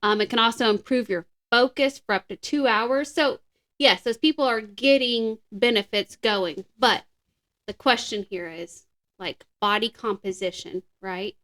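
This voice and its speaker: A woman's voice: fairly high pitch, unhurried, fairly bright tone. A woman co-hosting a casual podcast, upbeat and explaining exercise tips. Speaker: podcast co-host.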